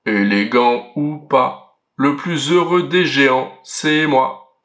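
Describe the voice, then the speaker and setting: A man voicing a kind, proud male giant in a children's storybook reading, with a slow, sing-song, boasting refrain. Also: mid-range voice, lively intonation, a bit bright. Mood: happy singsong. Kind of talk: storybook read-aloud.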